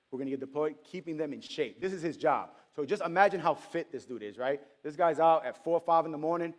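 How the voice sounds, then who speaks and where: A man preaching a sermon in a casual, storytelling way, acting out conversations with sudden high-pitched exclamations.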